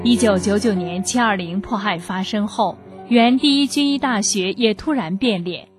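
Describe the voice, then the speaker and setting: A woman reading a scripted radio narration in a measured, even way. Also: medium pitch, faint music behind.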